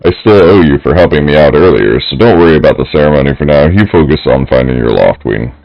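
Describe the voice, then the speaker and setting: A man voicing a hurried male teacher at an academy in a video game. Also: very deep voice, vocal fry, dull audio, soft background music. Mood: brisk.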